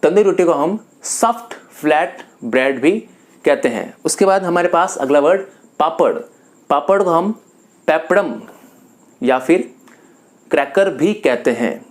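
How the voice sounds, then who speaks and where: A man from Rajasthan teaching a vocabulary lesson, calmly going through a word list and repeating each term. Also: a little high, unhurried. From Rajasthan, India. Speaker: English teacher.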